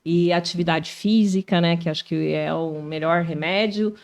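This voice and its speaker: Uma mulher de cinquenta e poucos anos com sotaque do sul do Brasil, conversando como convidada numa entrevista, animada e cheia de "né". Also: female voice, on the low side, moderate pace. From Brazil. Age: 50s. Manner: animated, frequent tag questions "né". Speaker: shopping mall executive, guest. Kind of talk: casual interview talk.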